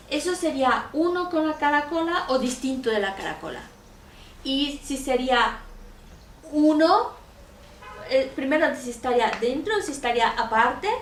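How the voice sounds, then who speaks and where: A woman, interpreting and patiently explaining a teacher's points in a lesson, often checking in with listeners. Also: high voice. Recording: echoey room, mic far off, faint noise.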